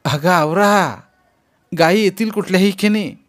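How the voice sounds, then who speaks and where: A man voicing Radha, an anxious, excitable village mother in a read-aloud story. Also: high voice, a little slow, voice pushed up. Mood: bustling. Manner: fretful and bustling.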